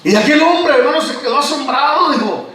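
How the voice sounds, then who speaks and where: A man's voice: extremely high pitch, animated, fairly quick, fairly bright tone, a little hiss or hum. A man preaching a sermon, telling stories and often calling out to his listeners as brothers. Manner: storytelling, keeps addressing listeners as brothers. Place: church. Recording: echoey church recorded from far off.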